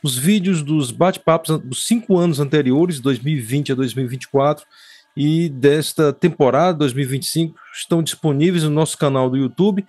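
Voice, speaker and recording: A man hosts and reads a formal, measured opening, his voice a little high for a man. The sound is dry and close. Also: a little mellow, dry recording. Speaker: host. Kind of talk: scripted show introduction.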